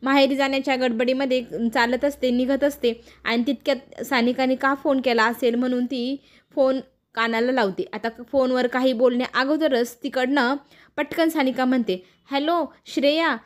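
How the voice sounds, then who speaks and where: Woman with a high voice racing through a tv serial recap, jumps into characters' lines now and then. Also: steady tone. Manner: brisk retelling that slips into characters' quoted lines. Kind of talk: storytelling recap of a TV serial episode.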